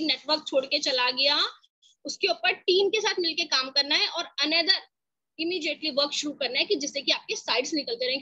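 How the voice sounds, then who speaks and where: High bright-voiced woman giving a motivational talk. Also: muffled recording. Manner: storytelling, asks the audience questions. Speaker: motivational speaker. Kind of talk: online team session talk.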